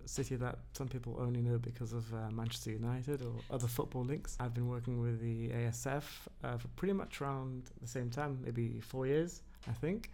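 A man who grew up in England talks about his background as a podcast guest. His voice has a gravelly edge, and he pauses often, filling the gaps with little hesitations. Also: medium pitch, steady tone, dark tone, slight background noise. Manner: hesitant, many fillers. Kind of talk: casual conversation.

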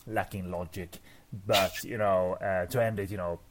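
Stammering low-voiced man on a podcast. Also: steady tone, moderate pace, background noise. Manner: stammering, repeats words, chuckles often. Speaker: podcast co-host. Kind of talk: casual movie-review podcast chat.

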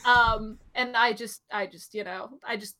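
A woman's voice: a little high, steady tone, measured pace, pushed and bright. A woman co-hosting a podcast, thinking aloud about a TV episode in casual chat, full of "like" and "I was like". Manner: thinks aloud, theorizing with many "like" fillers. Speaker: podcast co-host.

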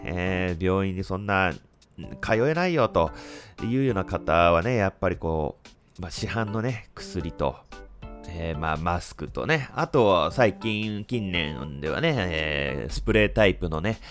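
A man in his thirties with a congested, stuffy-nosed voice, chatting casually on his own as a podcast host, with frequent pauses. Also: low-pitched, fairly bright tone. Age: 30s.

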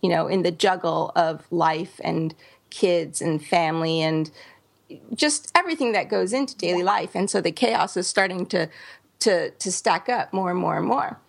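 Casting: middle-aged woman podcast host, gravelly edge, candid and rambling. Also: on the low side, normal speed. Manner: candid, rambling with restarts and fillers. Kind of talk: casual podcast chat.

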